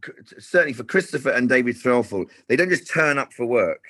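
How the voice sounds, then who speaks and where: A man's voice: mid-range voice, expressive, a little fast, a bit bright, dry recording. A man who directs television, talking about his work in a casual interview with lots of restarts and fillers. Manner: rambling, many restarts and fillers.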